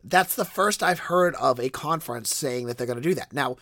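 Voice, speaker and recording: A man with a stuffy, cold-congested voice that squeaks a little, hosting a solo sports podcast in a conversational, opinionated way. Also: a little fast, sharp tone, no echo.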